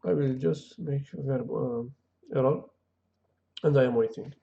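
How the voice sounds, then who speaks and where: A man with a gravelly, medium-pitched, dark-toned voice teaches code in an informal screen-recorded tutorial. He speaks broken, non-native English, his mother tongue Kabyle or Arabic, thinking out loud and leaning on fillers. The sound is a muffled lo-fi home recording.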